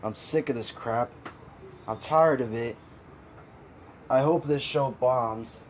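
In this ranting opinion video, a frustrated commentator sighs, laughs, and repeats himself in exasperation. He speaks slowly in a mid-range voice, with slight background noise.

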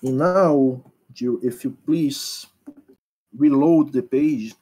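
A man in his thirties presenting a technical demo over a video call, talking haltingly and asking others to switch slides and screens. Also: mid-range voice, mellow, husky, low-quality recording. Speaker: presenter at an online developer meetup. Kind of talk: live technical demo talk.

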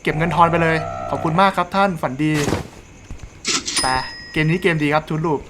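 A man's voice: fairly high pitch, a little fast, noisy background. A man giving casual let's play commentary, chatting and joking while reading game dialogue aloud. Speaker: gamer.

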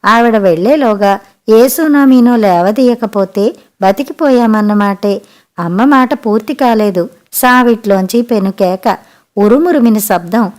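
A woman narrating a family story for an audiobook in an expressive, measured way. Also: fairly high pitch.

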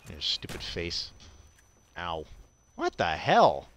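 Frustrated gamer dude cursing at his game, bright tone. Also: low voice, huge pitch swings, slow. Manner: frustrated, profane, melodramatic. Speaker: gaming commentator. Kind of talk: casual gameplay commentary.

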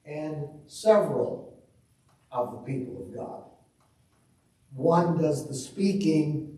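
Pastor, man, middle-aged, slow and measured, mellow tone, booming church reverb, heard from afar. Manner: slow, measured delivery with dry asides. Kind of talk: sermon and scripture reading. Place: large church sanctuary at a pulpit. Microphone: far camera. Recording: echoey church from far off.

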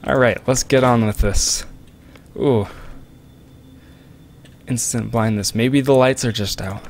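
A man's voice: medium pitch, fairly even intonation, slow pace, a little hiss or hum. A man casually commentating a game on a close microphone, joking and rambling at viewers. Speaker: let's play commentator. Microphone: close desk microphone.

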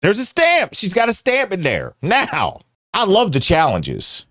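American guy hosting a reaction show, teasing and slangy, pitch all over the place, dry close mic. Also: huge pitch swings, measured pace, a bit bright, dry recording. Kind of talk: casual reaction commentary. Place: indoor home studio. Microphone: close studio mic on boom arm.

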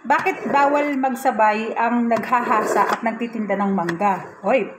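A woman's voice: on the high side, moderate pace, background noise. A woman chatting casually in a home kitchen vlog, giggly and self-mocking. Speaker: vlogger.

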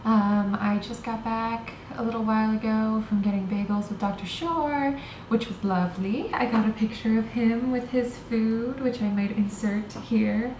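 A young woman in her twenties talks casually to a handheld camera held close in a small hotel room, vlogging in a rambling way full of fillers and giggles. Her voice is fairly high and a little mellow, with fairly even intonation at a normal speed. The room sounds roomy, with a faint hiss.

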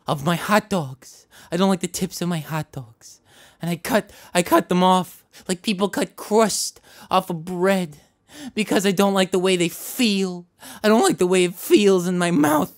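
A man's voice: sits high, natural voice. An actor voicing a desperate, rambling cartoon man who pleads to be believed, repeating himself and stumbling over restarts. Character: rambling desperate man insisting on his identity. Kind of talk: animated short voice acting.

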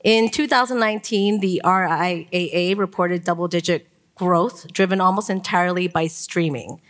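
A woman in her forties moderates a panel on a conference stage, speaking into a lapel mic. Her voice sits a little low, and she moves through her remarks with frequent ums and restarts. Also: moderate pace, a bit bright. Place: conference stage before an audience.

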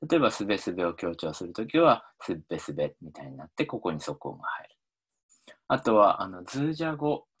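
A man lecturing on linguistics over slides, talking in an animated way with many hesitations, fillers and restarts. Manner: animated, pitch swinging up and down. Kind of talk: explaining phonology over slides.

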